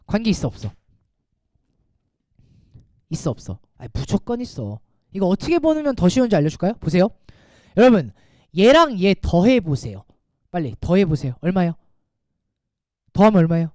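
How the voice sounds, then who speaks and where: Male math teacher, lively classroom lecture, quick questions to students, dry sound. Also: sits high, no room sound.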